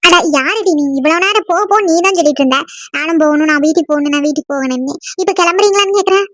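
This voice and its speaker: Brief: a woman doing chatty college-girl friends in a cartoon, very high and squeaky, recorded bone-dry. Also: very fast, no echo, close to an everyday voice. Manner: chatty, teasing. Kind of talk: cartoon voice acting.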